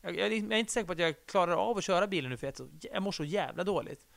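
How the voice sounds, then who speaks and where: A man's voice: sits high, lively intonation, creaky, a bit bright. A middle-aged man chatting casually on a podcast, rambling and self-deprecating, with casual swearing. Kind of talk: casual conversation.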